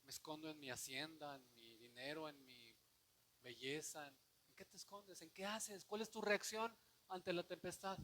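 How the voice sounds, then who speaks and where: A man preaching a sermon, asking the congregation rhetorical questions and swinging from quiet, low passages to loud declamation. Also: normal speed, slight background noise. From Mexico. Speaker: pastor.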